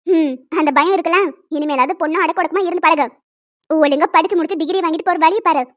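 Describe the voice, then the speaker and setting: Very high voice, fast talk, stern scolding lady professor, played by a woman, dull lo-fi sound. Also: steady tone. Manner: scolding, lecturing. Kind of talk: dubbed animated story.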